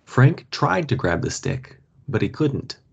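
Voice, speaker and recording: A man reading a story aloud for learners, slow and expressive. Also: medium pitch, vocal fry, breathy edge. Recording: dull lo-fi podcast audio.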